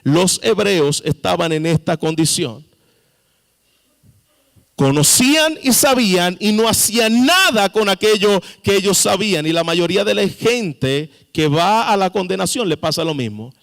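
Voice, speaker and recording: Pastor man preaching slow and high, gravelly voice, long church hall reverb. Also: animated, a bit bright. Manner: preaching, with sudden emphatic rises and questions to the congregation. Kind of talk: sermon. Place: church sanctuary.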